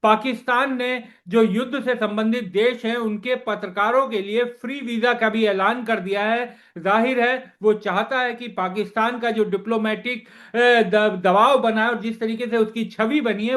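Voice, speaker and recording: High-voiced male news interviewer. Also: fairly even intonation, fairly bright tone. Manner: measured, scripted intro then long question. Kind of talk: formal news presenting.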